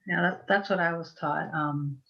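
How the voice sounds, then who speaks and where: This Eastern European woman speaks as a guest herbalist in a loose, chatty, digressive way, restarting sentences again and again. She has a low, creaky, somewhat bright voice at normal speed, and the call audio sounds muffled.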